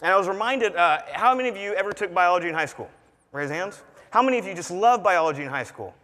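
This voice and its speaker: A young man with a high, light voice preaches to a congregation, animated and building to shouts at his key points. His voice rings out through a large church sanctuary, with a long reverb trailing behind it. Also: fast, slight background noise. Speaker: student preacher. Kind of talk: sermon.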